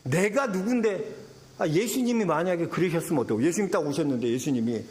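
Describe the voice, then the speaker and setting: A male pastor preaches with a high, very lively voice that swings up and down. He is middle-aged and breaks into short acted voices as he tells his story. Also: fast talker. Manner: animated preaching, acts out biblical voices. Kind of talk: sermon.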